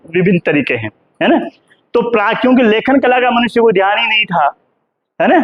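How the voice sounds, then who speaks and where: Heard through lo-fi sound, a high male voice delivers a classroom history lecture; the speaker is a middle-aged professor from India. He answers the very questions he asks his students, addresses them as "beta," and habitually tacks "hai na" onto his sentences.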